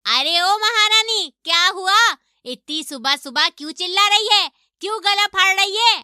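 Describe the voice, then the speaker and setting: A woman voicing a harsh, domineering middle-aged mother-in-law in an animated story, taunting and scolding her daughter-in-law. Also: sits high, unhurried, dry recording, clean studio sound, full character voice.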